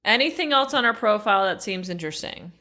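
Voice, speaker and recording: A woman's voice: medium pitch, lively intonation, quick pace, pushed and bright. A woman co-hosting a podcast in casual, comedic chat, earnest and playful, often asking questions. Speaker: podcast co-host.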